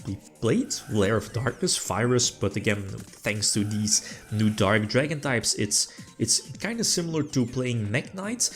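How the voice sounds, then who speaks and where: Low-pitched male gamer, casual rambling match commentary, lots of restarts, soft music bed behind. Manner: rambling, full of fillers and restarts. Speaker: card game player commentating his deck.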